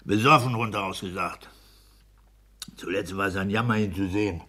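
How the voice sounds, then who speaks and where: In a 1960s German radio play, a male actor plays a pompous, domineering clerk and husband who scolds, blusters and sounds self-satisfied. His voice sits low, pushed and bright, at a moderate pace.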